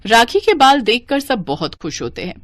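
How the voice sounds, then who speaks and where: A woman narrating a moral cartoon story in an even, clear way. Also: a little high, moderate pace, no room sound.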